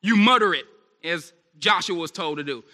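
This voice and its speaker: Forceful high-voiced male preacher, echoey hall. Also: moderate pace. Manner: animated, conversational preaching with questions to the congregation. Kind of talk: sermon. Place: church service.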